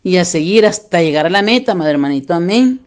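A man's voice: sits high, animated, fairly quick. A man telling a religious dream as testimony, in a rambling, repetitive and earnest way. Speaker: believer recounting a dream.

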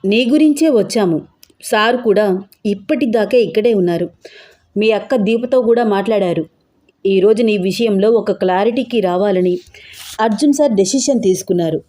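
A woman's voice: mid-range voice, warm tone, close to an everyday voice. A woman voicing a firm, insistent female assistant in a storybook reading. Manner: insistent, brisk.

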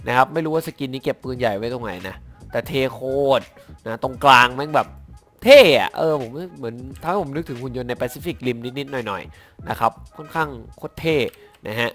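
A young man giving casual commentary on game skins, excitable, swearing now and then, stumbling a little when reading lore. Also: mid-range voice, brisk, faint music behind. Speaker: gaming YouTuber reviewing skins.

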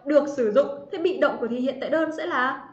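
A woman's voice: high-pitched, brisk. A woman teaching an English grammar livestream, chatty and teasing, calling out students by name. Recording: roomy, slightly dull livestream audio.

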